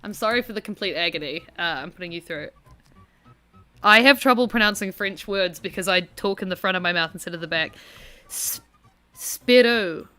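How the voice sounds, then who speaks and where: A woman's voice: on the low side, brisk, sharp tone, faint music behind. A woman with a broad rural New Zealand accent giving casual gameplay commentary in a rambling, sweary, self-deprecating way. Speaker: gaming video host.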